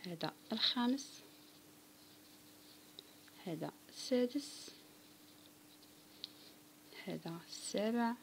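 A woman's voice: on the high side, animated, slow, long pauses, a little hiss or hum. A woman with an Algerian Arabic accent giving a step-by-step crochet tutorial, patiently counting stitches aloud and talking straight to her viewers. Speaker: crochet instructor.

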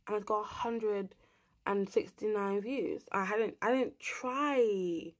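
A woman's voice: medium pitch, slow pace. A young woman from England, ranting casually to camera as a vlogger, rambling and swearing bluntly.

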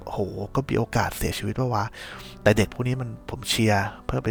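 A man's voice: lowish voice, fairly even intonation, a little fast, gravelly, soft background music. A man hosting a podcast, telling a casual spoiler recap of a series in a rambling, slangy way with many restarts. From Thailand.

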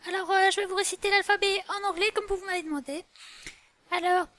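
A woman's voice: extremely high pitch, steady tone, a little fast, pushed and bright, a little hiss or hum. A woman voicing an eager schoolchild who recites the alphabet, talking with hesitant fillers. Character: eager schoolchild, a native English speaker.

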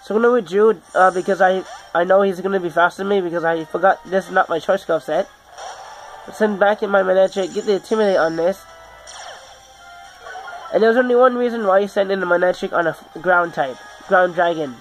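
A man who is sick, hosting his gaming channel and giving halting, self-correcting video game commentary over faint background music. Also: sits high, rough recording. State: sick, under the weather.

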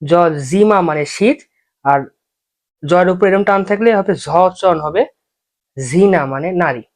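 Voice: medium pitch, a little mellow. Patient teacher spelling out foreign letters. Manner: patient, repeats example words slowly for learners. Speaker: language teacher. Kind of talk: spoken alphabet lesson.

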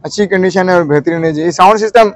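A vlogger with a Pakistani Urdu accent tours an outdoor car market, interviewing a seller for a walkaround car review and politely repeating each answer to the camera. His voice is high and he talks fast. The recording has no room sound.

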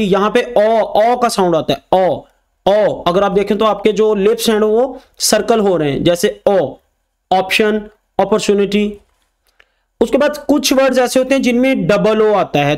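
Male phonics teacher, high voice, patient and slow, repeats example words. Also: clean tone. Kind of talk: spoken English lesson.

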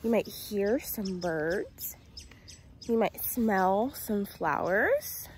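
Her voice is mid-range, very slow, and swings widely in pitch as she talks to young children with simple sing-song phrases and questions, like a teacher on a nature walk. She is a woman in her twenties, recorded outdoors in a residential yard on a handheld phone at arm's length.

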